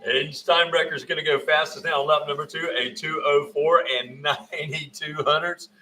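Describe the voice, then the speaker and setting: A man's voice: a little high, steady tone, normal speed, bright, forceful tone, a little hiss or hum. A man commenting live on a motocross race, rattling off lap times and standings in a folksy way.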